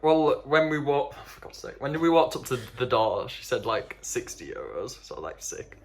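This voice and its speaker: A young man with a mid-pitched voice talks in casual chat. He hesitates, repeats himself and answers in a defensive way. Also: big pitch swings, moderate pace, vocal fry. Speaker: podcast co-host.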